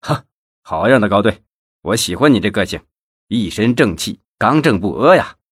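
A man voicing a jovial middle-aged city official in an audiobook, talking in a hearty, smooth way. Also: fairly low pitch, expressive, normal speed, no echo, clean studio sound.

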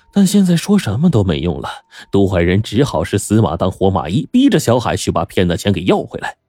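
A man narrating a story in a lively spoken storytelling manner. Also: on the low side, husky, no echo, studio quality. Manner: lively spoken storytelling with drawn-out sentence endings.

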